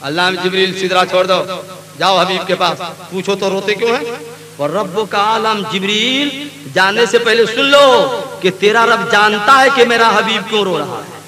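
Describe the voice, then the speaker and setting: A man preaching a sermon to a live gathering, moving from soft storytelling to loud, fervent calls for the crowd to answer back. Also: high-pitched. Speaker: Islamic preacher. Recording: live event with crowd audible.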